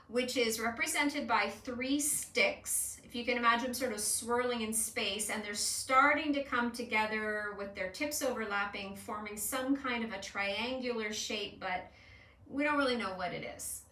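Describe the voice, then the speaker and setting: A woman's voice: on the high side, moderate pace, bright, forceful tone. A woman hosting an emotional card reading, talking casually and explaining at length with frequent fillers. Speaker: host doing card readings with an AI. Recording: echoey room, somewhat far from mic.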